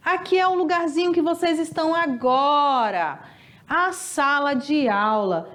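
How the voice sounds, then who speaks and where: A young Brazilian woman with a Brazilian Portuguese accent, teaching a recorded lesson and drawing out words slowly to show pronunciation. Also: fairly high pitch. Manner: lively, drawn-out teacherly pronunciation drills. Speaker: Spanish teacher.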